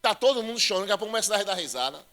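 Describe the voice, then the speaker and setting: A male pastor preaching a sermon, joking with the congregation and calling them brother, swinging between loud proclaiming and quiet asides. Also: high-pitched, big pitch swings, racing. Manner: addresses listeners as brother.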